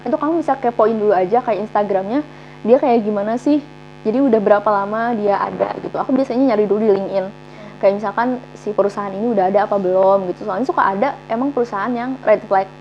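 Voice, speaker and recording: Young woman guest, quick casual talker, dull recording with faint hum. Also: medium pitch. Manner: chatty, many fillers. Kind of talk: casual chat.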